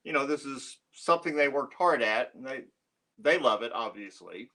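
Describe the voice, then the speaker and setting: A man's voice: mid-range voice, expressive, moderate pace, sharp tone. A man guesting on a podcast as a musician and reviewer, talking in an easygoing way with frequent laughs. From Florida, USA. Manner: easygoing, laughs often, short agreeing replies. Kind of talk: casual podcast chat.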